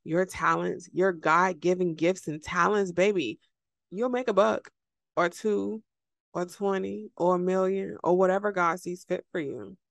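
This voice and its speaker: A woman's voice: lowish voice, steady tone, measured pace, vocal fry, dry recording. A woman hosting a podcast, giving an emphatic, preachy motivational talk straight to her listeners, repeating phrases for effect and laughing often. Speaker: podcast host.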